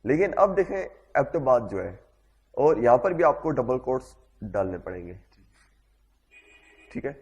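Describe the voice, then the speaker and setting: A male instructor teaches coding in class with a mid-range, darkish voice that swings widely in pitch and pauses often, and the recording's highs are cut off. He goes through everything step by step, tacking "theek hai" ("okay") onto nearly every phrase.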